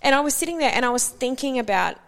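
Young woman, Australian accent, very lively swooping pitch, slangy, crude, self-mocking, casual podcast banter. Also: fast. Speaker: podcast co-host. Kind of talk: casual comedic chat.

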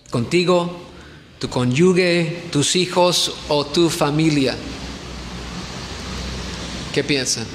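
Slow-speaking man preaching in an echoey hall. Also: a little high, fairly bright tone, a little hiss or hum. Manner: asks the audience questions and repeats himself. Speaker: pastor teaching a conference. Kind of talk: conference sermon. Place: church hall in Ecuador.

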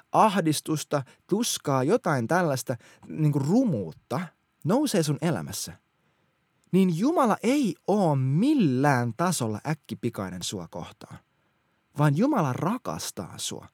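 Male teacher, casual faith talk, earnest and colloquial, lively pitch, dry close sound. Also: breathy edge, no room sound. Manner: animated, colloquial, earnest, many restarts.

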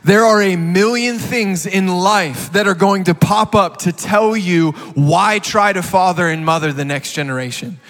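A man in his thirties, a guest speaker, delivers a heartfelt sermon from the stage of a large church hall, speaking earnestly and often repeating words as he builds his point. His voice is high-pitched and a bit bright, a little slow, with hardly any pauses. The recording has the reverb of the hall.

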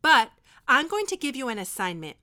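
A woman's voice: high-pitched, very animated, brisk, sharp tone, exaggerated voice. A woman acting a stern, lecturing history teacher keeping two students in detention. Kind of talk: audio drama acting.

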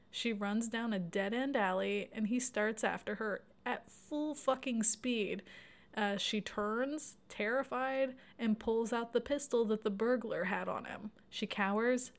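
A woman narrating a casual movie recap, chatty and animated, with frequent swearing. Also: mid-range voice. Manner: profane, chatty, animated storytelling with laughs.

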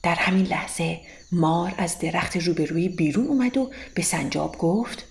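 A woman telling a children's bedtime story in a gentle, even read-aloud manner. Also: lowish voice, creaky.

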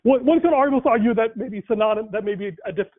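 Over a tinny, dry, phone-like line, a high-pitched man whose first language is Tamil talks quickly and casually about faith and language. He thinks aloud, with lots of fillers and restarts.

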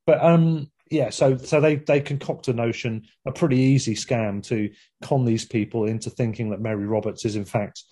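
A man talks films in a relaxed, rambling way, stopping and starting as he retells a plot. His voice is dark and mellow with a husky edge. The delivery is loose chat between friends. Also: medium pitch, moderate pace, hardly any pauses. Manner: rambling, with frequent fillers and laughs. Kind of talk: casual film discussion.

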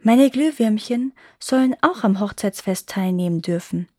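A kind and helpful good fairy from a storybook, gentle and soft-spoken, as a woman reads her part. Her voice sounds breathy and a little husky, recorded close and dry with no room around it. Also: mid-range voice, animated, moderate pace, no room sound, close to an everyday voice. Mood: kindly.

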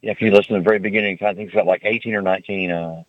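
A man calls in over a tinny phone line, his voice fairly low. He rambles quickly and casually, without pausing much. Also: fairly even intonation, dry recording. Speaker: caller. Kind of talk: phone call to radio show.

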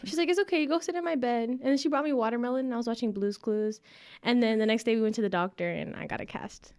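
A young-sounding woman with a fairly high voice is a student guest on a talk show. She tells lively personal anecdotes and fills her speech with "like". Her delivery is loose and chatty. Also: fast talker. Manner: lively anecdotes with many fillers of "like". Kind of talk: casual chat.

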